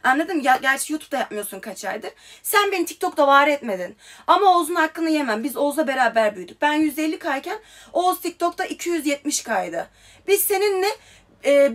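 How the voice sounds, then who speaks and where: A young woman on a TikTok livestream rants angrily into her phone, firing off confrontational questions. Her voice is high-pitched and a bit bright.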